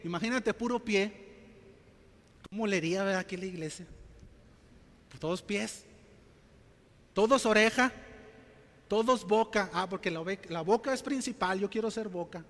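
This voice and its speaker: A male pastor with a high voice preaches to his church in a big-sounding room. He tells stories, acts out quotes, and often calls out to "mis hermanos."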